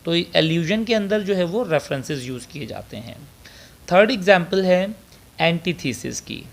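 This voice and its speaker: A man with a Pakistani accent teaching a slide lecture on figures of speech, talking slowly and hesitantly with many filler pauses and switching between Urdu and English. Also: a little high, expressive, gravelly.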